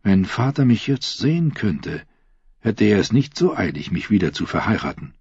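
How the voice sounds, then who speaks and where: A man's voice: fairly low pitch, sing-song, moderate pace, gravelly, darkish tone, husky, no room sound, exaggerated voice. A man reading an audiobook and voicing a scheming, seductive queen in a silky, coaxing tone. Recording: slightly dull, dry recording.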